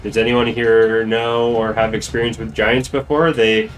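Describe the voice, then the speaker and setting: A man's voice: lowish voice, flat delivery, moderate pace, faint music behind, poor audio. A man playing a tabletop role-playing game, talking casually through plans with the group.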